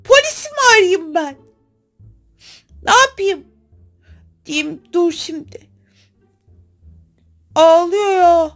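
A woman with a very high, piping voice gives playful game commentary straight to her viewers. She is theatrical and exclamatory, slipping into mock sobs, and she takes her words slowly and draws them out. Faint music plays underneath. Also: big pitch swings, bright, forceful tone. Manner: dramatic, exclaiming, mock sobbing. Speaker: gaming channel host.

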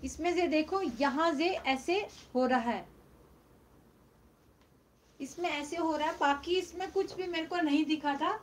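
A middle-aged woman selling used silk sarees on a live stream from home, speaking loudly into her phone and repeating the prices. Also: high voice, measured pace, pauses often, slight background noise. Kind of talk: live-stream sales chat. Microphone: phone mic, no external microphone.

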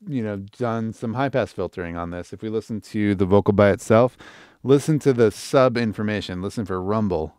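A middle-aged man hosting a live stream, giving casual, animated feedback and thinking aloud as he chats to viewers. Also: lowish voice, clear, resonant tone, no room sound, studio quality.

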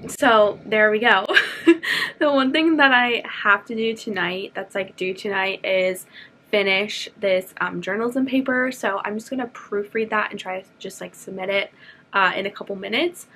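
A woman's voice: medium pitch, normal speed, bright, forceful tone. A young woman and college student vlogging her day in casual, upbeat chat, full of "like" fillers, filmed on a handheld camera in her dorm and around campus. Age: young adult. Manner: chatty and upbeat, with frequent "like" fillers. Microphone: handheld camera held close.

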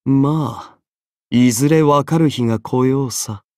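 A male actor voices a haughty, easily bored king in golden armor for an anime game, sounding pompous, imperious, arrogant and condescending in this dramatic performance. His medium-pitched, darkish voice moves at a measured pace and stays close to an everyday voice. The recording is studio quality with no room sound.

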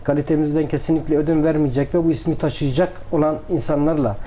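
Middle-aged restaurant owner guy, real dark mellow voice, talks fast and sure, slight hum around. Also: a little high, fairly even intonation. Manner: confident, businesslike, repeats "kesinlikle". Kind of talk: TV interview. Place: restaurant interior.

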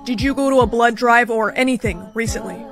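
A woman acting in short skits, playing a protective babysitter, a villain and a doctor, speaking calmly and firmly. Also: a little high, fairly quick, natural voice. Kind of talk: TikTok skit acting. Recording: music playing underneath.

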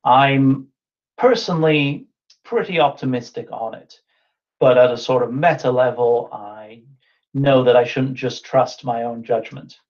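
Over a webcam video call, an invited speaker in his thirties gives an online talk and takes questions, thinking aloud with restarts and fillers. His voice sits at medium pitch and he is unhurried. He is in an indoor room with a whiteboard, and the call audio is dull and lo-fi.

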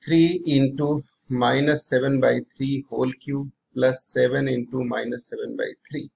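A man's voice: mid-range voice, steady tone, normal speed, vocal fry, a little mellow, slight background noise, rough recording. A middle-aged man with an Indian accent teaching maths, working through problems aloud, often repeating phrases and posing questions to himself.

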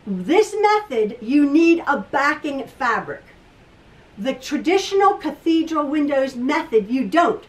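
A woman's voice: high voice, big pitch swings, measured pace. A middle-aged woman teaching quilting in her home sewing room, thinking aloud with restarts and self-corrections in a casual tutorial. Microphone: camera across a table, from a distance. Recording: voice a little far from the mic.

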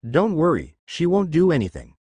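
A man's voice: a little high, huge pitch swings, moderate pace, dark tone, breathy edge, no echo, pitched above the performer's own voice, heavily acted. A man voicing a young carefree pirate captain, speaking in a reassuring, matter-of-fact way.

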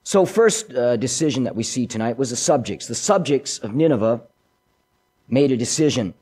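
A man preaching a sermon as pastor, his voice going from the flu, unhurried with pauses. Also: medium pitch, lively intonation, darkish tone, slightly rough. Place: church.

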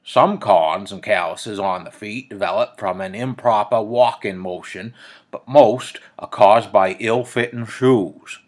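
A man's voice: on the low side, a little slow, a little mellow. A man with a Downeast Maine accent reading an article aloud in a folksy manner.

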